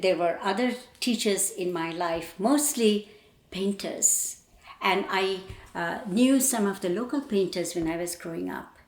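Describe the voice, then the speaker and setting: Recorded in an echoey, roomy indoor space, a reflective personal interview features an older woman from Bangladesh recalling her life as a painter. Her mid-range voice carries a Bangladeshi accent, and she pauses often in a halting, thoughtful manner.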